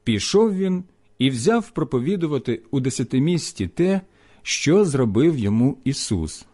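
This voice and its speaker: A man reading scripture aloud in a measured, expressive way. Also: mid-range voice. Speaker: Bible reader.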